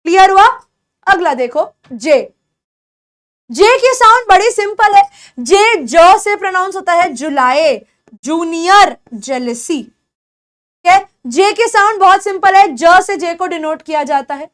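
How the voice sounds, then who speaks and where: Her pitch is extremely high, animated and a bit bright: a young Hindi-speaking Indian woman guiding beginners through English pronunciation. Patiently, she repeats sample words slowly and again and again, making sure learners understand.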